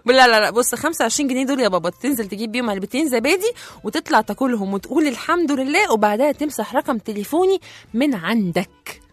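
A woman's voice: fairly high pitch, animated, quick pace, no room sound. A woman with an Egyptian accent, teasing and sassy in comedic sketch banter.

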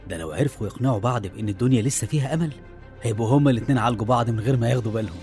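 A man playing a brisk, scheming doctor. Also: mid-range voice, a little mellow, faint music behind, natural voice. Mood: plotting. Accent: Egyptian. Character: scheming male doctor, ambitious, nosy.

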